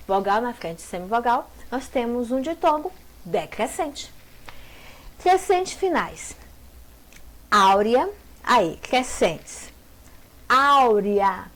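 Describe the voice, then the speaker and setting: Slow, deliberate woman teaching grammar. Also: fairly high pitch. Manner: slow, deliberate syllable-by-syllable explanations with rhetorical questions. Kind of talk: grammar lesson.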